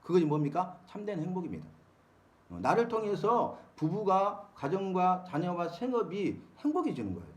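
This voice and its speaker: A man's voice: sits high, huge pitch swings, moderate pace. A middle-aged man preaching a sermon-style Bible lesson, asking the congregation rhetorical questions. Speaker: pastor.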